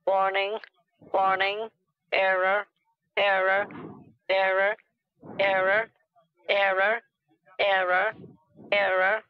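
A man voicing a glitching robot that keeps repeating warnings and errors in a monotone. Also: sits high, slow, long pauses, smooth, no room sound, highs cut off. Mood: robotic.

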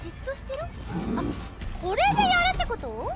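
A woman streaming a video game with excited commentary, frantically repeating words and screaming, yet using polite, ladylike phrasing. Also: very high voice, fairly quick. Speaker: game streamer, virtual character host. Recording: loud game audio behind the voice. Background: video game music and effects.

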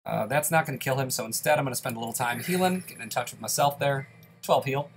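A man's voice: mid-range voice, quick pace, a little hiss or hum. A congested man hosting a gaming channel, chatting through each move in his let's play commentary.

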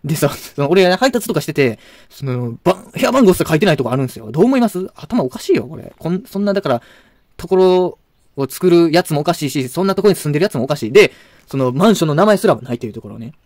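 A man's voice: fairly high pitch, very animated, rapid-fire, a little mellow, dry recording, clean studio sound. A man with a Kansai accent, ranting angrily to camera with insults and frequent restarts. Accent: Kansai Japanese. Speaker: video blogger. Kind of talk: angry rant to camera.

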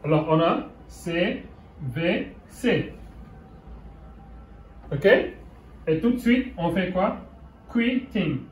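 A Senegalese man with a Senegalese French accent and Wolof as his first language gives a whiteboard grammar lesson, moving between French and English. His voice sits a little high and he speaks slowly and deliberately. He is heard from a distance in a roomy, echoing space. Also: animated. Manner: mixes French and English, checks in with "okay?". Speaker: English teacher. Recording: roomy sound from away from the mic.

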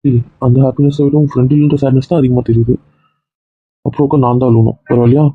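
A man's voice: medium pitch, flat delivery, fast, husky, dry recording, phone-quality sound, natural voice. A man playing a caring husband who coaxes and scolds his tearful wife in a homemade skit. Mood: coaxing. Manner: coaxing, then stern threats.

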